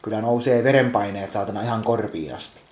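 A man's voice: fairly low pitch, a little mellow. Swearing, rambling man in an echoey room. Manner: swears constantly, repeats himself, restarts words. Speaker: vlogger. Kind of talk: angry rambling vlog rant. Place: at home indoors.

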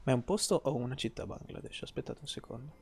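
A man's voice: mid-range voice, fast, gravelly, noisy background. A man, streaming gameplay and ranting at his chat, swearing freely and teasing. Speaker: game streamer. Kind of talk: casual live-stream gameplay commentary.

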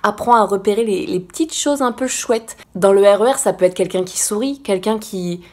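A woman's voice: medium pitch, normal speed. A woman vlogger giving casual, encouraging advice straight to the viewer, chatty with frequent fillers. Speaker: lifestyle vlogger.

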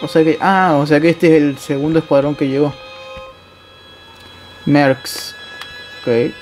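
A man with an Argentine accent and a high voice talks through a horror game as he plays it. He is jumpy and excitable, breaking into yelps, laughs and casual swearing. Faint game music runs underneath. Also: measured pace. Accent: Argentine Spanish. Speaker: gameplay streamer. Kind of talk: live horror game commentary.

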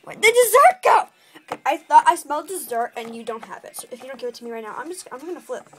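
A woman's voice: sits high, very animated, fast, soft background music, voice pushed down. A woman voicing a bossy, greedy female pony princess in a toy play-acting video, blustering and threatening.

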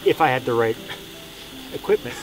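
A man's voice: medium pitch, animated, moderate pace, soft background music, low-quality recording. A young man chatting casually at an outdoor desert campsite, grumbling in a wry, self-deprecating way. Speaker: camper. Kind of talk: casual chat.

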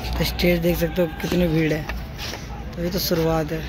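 A young vlogger casually talks viewers through his trip to a stadium, shot outdoors on a phone across city streets, and he keeps calling them "brother." He speaks at a normal pace in a rather high, flat monotone over loud music and a roaring crowd.

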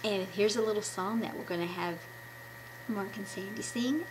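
At a normal speed and medium pitch, a woman in her fifties leads an enthusiastic devotional for children as a ministry puppet presenter. She is in a small room at home, recorded by a webcam about an arm's length away, with background noise present.

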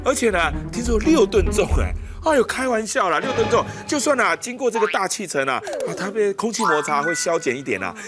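An actor playing a blustering, self-important middle-aged politician in a comedy sketch, with a Taiwanese Mandarin accent, bombastic and forever asking "right?". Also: male voice, high-pitched, big pitch swings. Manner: bombastic, keeps asking "right?", drawn-out exclamations. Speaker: satirical politician character. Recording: loud music underneath.

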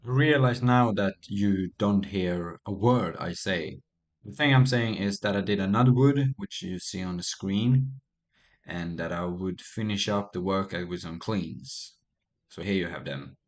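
A man in his twenties explaining his workout in a casual fitness vlog, matter-of-fact and relaxed, filmed in a gym on an action camera. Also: deep voice, measured pace. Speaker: fitness vlogger. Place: gym, then outdoors.

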